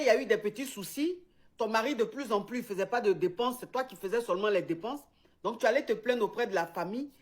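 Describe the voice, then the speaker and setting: A woman, hosting and retelling a viewer's story in casual chat, addressing the listener directly and repeating phrases for emphasis. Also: medium pitch.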